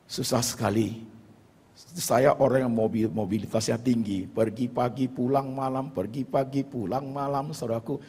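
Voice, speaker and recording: Male pastor, very husky voice, long church-hall reverb, earnest repeated testimony. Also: mid-range voice, steady tone, moderate pace, darkish tone. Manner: earnest, repeats phrases, addresses congregation as "saudaraku". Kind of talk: sermon with personal testimony.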